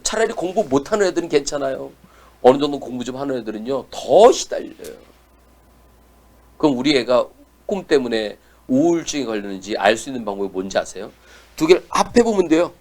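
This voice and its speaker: Man, lecturer, talk to parents, lively swinging pitch, asks the audience questions.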